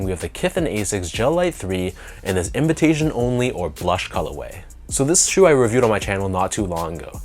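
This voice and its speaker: A Canadian man hosting a sneaker review video, sounding nasal from a sinus infection, talking in a relaxed, enthusiastic way with drawn-out emphasis. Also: fairly low pitch. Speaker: sneaker channel host. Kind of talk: casual review talk to camera.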